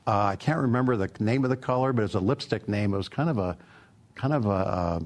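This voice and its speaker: Gravelly middle-aged man telling a story. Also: lowish voice, quick pace. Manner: relaxed storytelling with fillers. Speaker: car company product executive. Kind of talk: interview answers.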